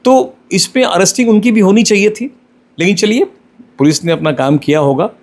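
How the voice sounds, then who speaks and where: A middle-aged male lawyer answers interview questions in a voice that sits high. He explains things step by step at a measured pace, mixing English legal terms into his speech.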